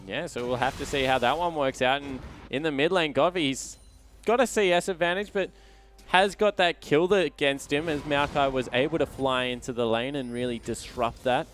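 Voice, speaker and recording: A man's voice: mid-range voice, moderate pace, fairly bright tone, a little hiss or hum. A man giving live color commentary on an esports match, explaining items and trades. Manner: analytical, explains builds and trades.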